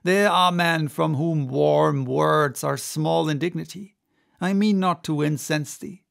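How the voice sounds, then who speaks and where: A man's voice: a little high, slow pace, creaky, a bit bright, full character voice. A man voicing an obsessed, vengeful whaling captain in an audiobook, intense and declamatory. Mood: intense, coaxing.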